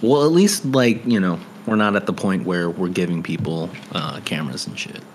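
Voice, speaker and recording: Man, low voice, laid-back podcast co-host, casual swearing, faint noise. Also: moderate pace. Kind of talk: casual chat. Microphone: video call.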